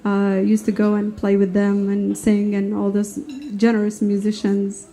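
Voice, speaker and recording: An Iraqi-born woman singer talks onstage as a guest during a live music show, hesitant, laughing often and full of fillers. Her voice is medium in pitch and dark in tone, delivered completely flat and a little slowly.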